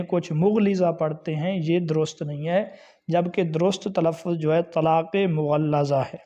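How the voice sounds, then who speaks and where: A man's voice: sits high, a little mellow, dull audio. A man lecturing on Islamic studies, methodically correcting pronunciations and spelling out vowel marks in an online lesson.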